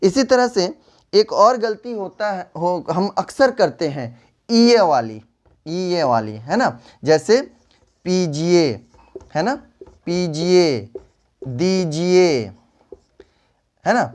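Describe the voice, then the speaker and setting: A man's voice: sits high, very animated, slow pace. A man teaching a Hindi writing lesson online, patiently repeating example words and addressing his students as children.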